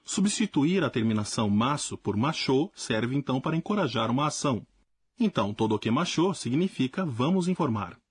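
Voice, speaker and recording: Guy reading out a language lesson, clear explaining tone, bit husky, dry studio sound. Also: mid-range voice, sing-song, a little fast, no echo. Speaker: language teacher. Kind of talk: scripted lesson narration.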